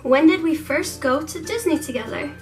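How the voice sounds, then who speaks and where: A woman's voice: high-pitched, moderate pace, distant mic, soft background music, poor audio. A woman in her twenties, from the Netherlands, co-hosting a casual question-and-answer vlog and laughing often as she chats. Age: 20s. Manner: chatty and giggly, laughs often. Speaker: vlogger co-host. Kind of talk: casual Q&A chat.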